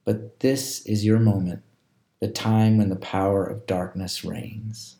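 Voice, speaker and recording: A man reading aloud the lines of a calm, solemn grown man facing arrest. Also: lowish voice, slow. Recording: roomy echo.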